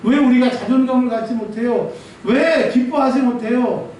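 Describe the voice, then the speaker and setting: 교회 예배당에서 설교하는 높은 톤의 목사, 울림이 큰 남자 목소리. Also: male voice, extremely high pitch, moderate pace, a little hiss or hum. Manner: animated preaching, acting out voices and scolding, laughing often. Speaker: pastor. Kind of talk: sermon. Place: church sanctuary. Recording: very echoey hall, mic at a distance.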